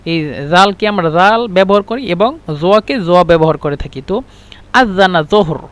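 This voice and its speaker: A man teaching an Arabic lesson, explaining slowly and repeating words and letters one at a time. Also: sits high, fairly bright tone, clean tone. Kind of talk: spoken language lesson.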